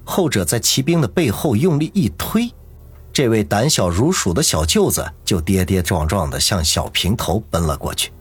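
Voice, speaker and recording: A man's voice: lowish voice, big pitch swings, moderate pace, breathy edge. A man narrating a novel as an audiobook, with dramatic storytelling. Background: faint music.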